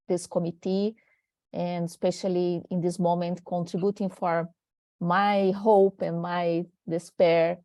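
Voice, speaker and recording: A woman from Brazil gives a friendly, giggly self-introduction on an online webinar. Her voice is low and mellow, and she speaks slowly. The sound is dry and close. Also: no room sound. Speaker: committee member introducing herself. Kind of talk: brief self-introduction on a video call. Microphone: video call.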